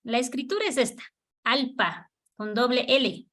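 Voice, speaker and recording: A woman's voice: a little high, measured pace, a bit bright. A woman teaching an online Kichwa class, patiently repeating words for the students to echo. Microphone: video call.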